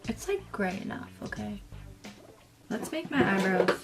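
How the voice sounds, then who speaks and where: Young woman, beauty vlogger, slow casual chat with a gravelly fry, music bed underneath. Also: mid-range voice, very animated. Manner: chatty, drifting into whispers now and then. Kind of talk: casual makeup vlog chat.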